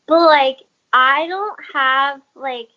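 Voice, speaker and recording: A woman with a high voice talks in a relaxed, hesitant way, trailing off and filling gaps with "like" and "um". She chats over a video call in loose comedic banter. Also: slow pace, dull audio. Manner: laid-back, hesitant, many fillers.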